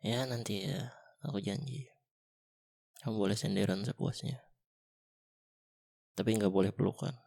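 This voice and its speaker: A young man in a whispered role-play as a boyfriend, talking in a soft, coaxing and gently teasing way. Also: on the low side, moderate pace, vocal fry, long pauses. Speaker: ASMR boyfriend role-player.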